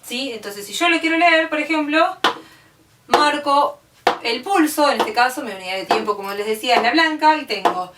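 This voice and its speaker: A woman with an Argentine Spanish accent teaches a music class, patiently explaining step by step and checking understanding with "¿sí?". Her high voice is animated at a moderate pace. The recording is roomy, with a distant mic and heavy background noise.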